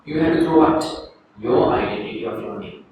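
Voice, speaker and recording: A Sri Lankan man, a Buddhist monk, giving a calm dharma talk to a group and leading a guided reflection. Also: fairly low pitch, fairly quick, narrow, tinny audio. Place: teaching hall in Sri Lanka. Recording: echoey room, distant mic, faint noise.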